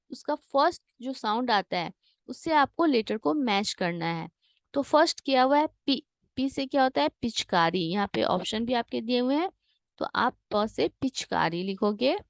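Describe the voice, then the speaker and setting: A woman's voice: fairly high pitch, no room sound. A woman teaching young children to read Hindi, sounding out each syllable patiently and slipping in English words. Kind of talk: slow syllable-by-syllable lesson reading.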